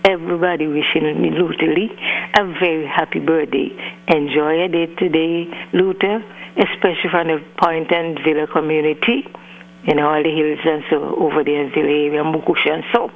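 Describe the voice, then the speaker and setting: Calling in to give birthday shout-outs, this Antiguan-accented caller rambles, chaining names with repeated "you know". A mid-range voice with vocal fry comes through flat at a moderate pace, over a clipped phone line with a faint hum.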